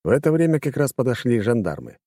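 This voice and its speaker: A man narrating a first-person audiobook, expressive and wry. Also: medium pitch, quick pace, no room sound, clean studio sound.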